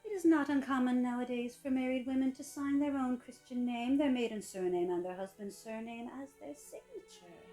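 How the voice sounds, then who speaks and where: Female narrator, sultry and mellow, scripted book reading, soft phrase endings. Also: high voice, faint music behind, poor audio. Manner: sultry, slow-savoring delivery with soft trailing phrase ends. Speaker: reader of a public-domain etiquette book.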